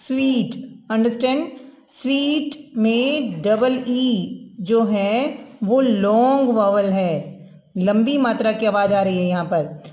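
A woman teaching English grammar to school students, explaining slowly and repeating example words, often asking if they understand. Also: fairly high pitch, darkish tone. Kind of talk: classroom lesson in Hindi-English mix. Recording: echoey room.

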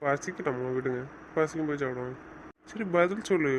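A young man speaking softly to his wife in a coaxing, gently teasing way. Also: fairly high pitch, brisk, a little hiss or hum. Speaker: husband in a couple's chat. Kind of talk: casual couple banter. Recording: muffled lo-fi recording.

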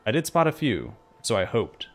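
A man's voice: mid-range voice, huge pitch swings, normal speed. A man voicing a dutiful, ambitious army captain with a formal, respectful manner, in game dialogue read aloud. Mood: wistful, determined.

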